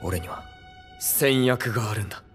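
A man's voice: mid-range voice, a little fast, long reverb tail, loud music behind the voice, lightly acted. A man playing an earnest, determined young hero in an anime, intense and resolute, acted in Japanese style.

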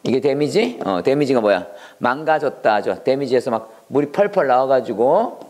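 A man teaching English vocabulary in Korean, with a Korean accent, repeating words in drawn-out sing-song drills. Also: medium pitch, lively intonation, a little mellow. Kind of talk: lively classroom-style vocabulary lecture.

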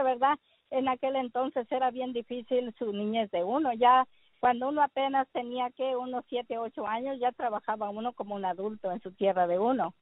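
A middle-aged woman from Jalisco, Mexico, calls in to give testimony, telling her story hesitantly and with many fillers. Her fairly high voice comes over a dry, tinny phone line with no room sound.

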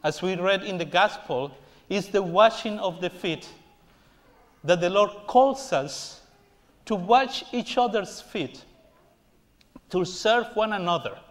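Slow, high-voiced priest preaching. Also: male voice. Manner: slow, earnest preaching with playful self-mocking jokes. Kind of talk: homily. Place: large church sanctuary, standing before the altar. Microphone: far camera at the back of the church.

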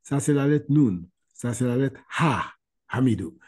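Slow, husky man teaching letters. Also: medium pitch, lively intonation, a little mellow. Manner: patient, repeats letters slowly for the student. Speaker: Quran reading teacher. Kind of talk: online one-on-one lesson. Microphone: video call.

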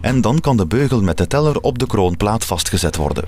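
A man narrating a how-to video in a calm, even, explanatory scripted voice-over. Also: fairly low pitch, fairly quick. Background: guitar music.

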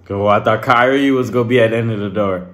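A young man hosting a reaction video from his room, talking in a relaxed, chuckling way with headphones on. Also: on the low side, fast talker. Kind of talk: casual reaction commentary.

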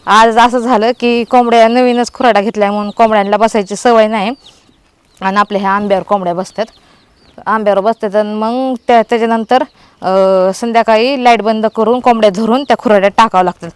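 A woman's voice: mid-range voice, fast, clear, resonant tone, dry recording. A woman, telling a story to her vlog viewers and acting out the dialogue. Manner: animated retelling with quoted dialogue. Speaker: vlogger.

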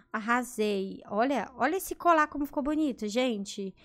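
A woman with a Brazilian Portuguese accent giving excited, casual commentary on her Roblox gameplay, gasping often and reading other players' chat aloud. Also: on the high side, measured pace.

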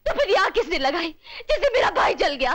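A woman's voice: very high voice, very animated, fairly quick, fairly bright tone, heavily acted. An actress playing a fiery young woman who speaks in an emotional, accusing way. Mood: furious. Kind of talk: Hindi film acting.

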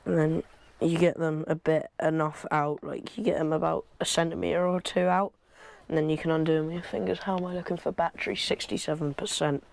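A man's voice: a little high, little pitch movement, a little fast, vocal fry. A young man from England chatting casually to camera as he works in a cluttered wooden shed, recorded on a clip-on lapel mic, rambling as he goes. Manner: chatty, rambling, talks while working with hands. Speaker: fishing vlogger. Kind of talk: casual vlog commentary.

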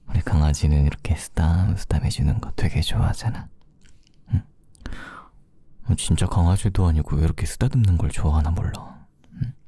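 Whispered role-play: sweet, affectionate boyfriend played by a man, extremely low pitch, husky breathy murmur, intimate and gently teasing. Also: dry recording, full character voice. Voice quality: soft, breathy. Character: sweet, doting boyfriend cuddling his sleepy girlfriend.

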